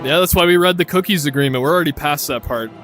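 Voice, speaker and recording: A man hosting a late-night game stream, rambling along with deadpan jokes about the fine print. His voice sits a bit high for a man. Faint music plays underneath. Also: quick pace. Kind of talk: casual gaming stream chat.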